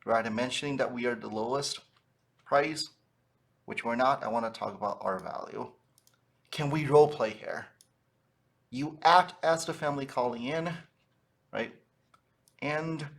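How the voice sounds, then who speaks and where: Creaky and a bit bright, this man's mid-range voice carries a casual training session for funeral-business salespeople. He talks conversationally, often adding a "right?" to the end of his phrases to check in with listeners.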